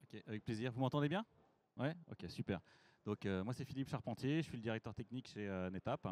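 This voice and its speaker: A man's voice: medium pitch, fast. Informal man presenting to an audience. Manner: lively, informal, addresses the audience with questions. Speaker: technical director presenting. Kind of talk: conference masterclass presentation.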